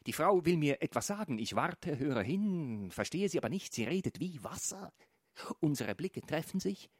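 A man's voice: on the high side, husky, no room sound. Man reading a strange story, dry sound. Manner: wide swings from hushed murmur to raised, urgent voice; hesitant, stumbling over words. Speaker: author reading his own surreal story. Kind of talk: literary reading.

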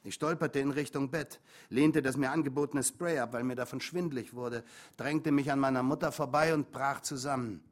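A man reading a first-person memoir aloud in a calm, measured way. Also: mid-range voice. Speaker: audiobook reader.

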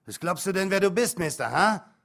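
A gruff, touchy father, voiced by a male reader in an audiobook. His voice rises a little above the reader's own and quickly turns sharp. He is quick to anger but slow to act. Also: fairly high pitch, lightly acted. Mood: irritated. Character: irritable cowardly father, middle-aged man.

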